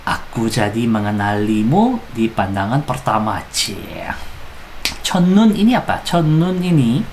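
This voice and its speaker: Slow, chatty teacher spelling out syllables. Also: mid-range voice, big pitch swings, darkish tone, a little hiss or hum, poor audio. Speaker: Korean language teacher. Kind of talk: casual lesson explaining song lyrics.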